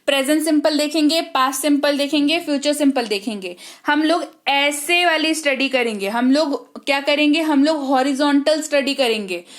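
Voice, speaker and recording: A woman with an Indian accent, a native Hindi speaker, teaching an online English lesson in a brisk manner, drilling terms and checking in with her students often. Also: sits high.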